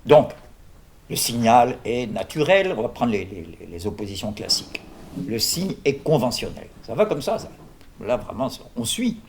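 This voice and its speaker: A man's voice: medium pitch, sing-song, moderate pace, a little hiss or hum. A man lecturing on philosophy in an informal workshop, digressing with jokes and questions to his audience.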